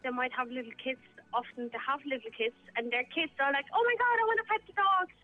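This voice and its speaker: A woman from Iran who was raised in Vienna, Austria, calls in to a radio phone show, chatting frankly with plenty of fillers. Her high-pitched voice swings widely in pitch and she talks fast, all over a tinny phone line.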